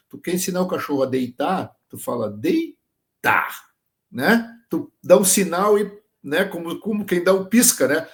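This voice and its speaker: A man's voice: fairly high pitch, vocal fry. Man explaining dog training. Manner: explains through farm examples, asks listener to confirm. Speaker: guest, sheep dog trainer. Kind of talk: casual podcast interview.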